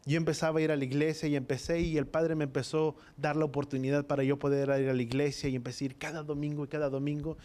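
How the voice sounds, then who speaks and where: A man preaches to a church congregation, telling his own story of faith. His voice sits a little high for a man, and he acts out the dialogue of his memories with earnest feeling. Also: flat delivery, fast, hardly any pauses, a little mellow. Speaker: preacher giving a testimony. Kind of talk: sermon testimony.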